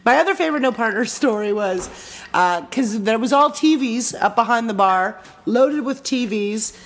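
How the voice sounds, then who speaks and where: A woman from Canada co-hosting a casual podcast, telling lively bar stories with swearing and laughter. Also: a little high, moderate pace. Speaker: podcast co-host. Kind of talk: casual chat.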